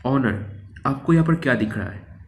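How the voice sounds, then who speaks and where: A man's voice: medium pitch, expressive, moderate pace. A male teacher explaining English articles and pronunciation, repeating words and asking the viewer questions. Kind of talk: classroom grammar lesson.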